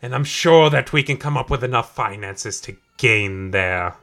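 A man voicing a haughty dark lord from another realm who plans a takeover and scorns mortals. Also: medium pitch, lively intonation, normal speed. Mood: scheming. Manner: pompous, theatrical, scornful.

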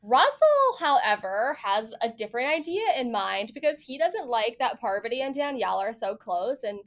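A woman with a somewhat high voice chats casually as a podcast co-host. She retells events with lively put-on quotes and swears freely. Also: normal speed. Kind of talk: casual recap chat.

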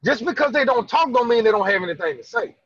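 A man with a high, lively, husky and slightly breathy voice talks fast and earnestly about fatherhood in a candid conversational interview. Pressing his points emphatically, he stammers, repeats himself, and restarts often. The recording is dry, a little dull, and free of room sound.

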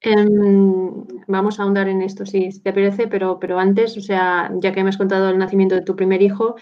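A woman interviewer asks her questions gently, hesitating and rephrasing as she goes. Her voice is mellow and fairly even in pitch, and the sound is a little dull and muffled. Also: a little fast. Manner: careful, hesitant phrasing. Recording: slightly muffled lo-fi audio.

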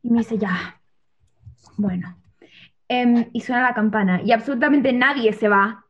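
A young woman telling a funny story among friends, animated and laughing as she goes. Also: a little high, brisk. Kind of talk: casual chat. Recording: dull lo-fi sound with faint noise.

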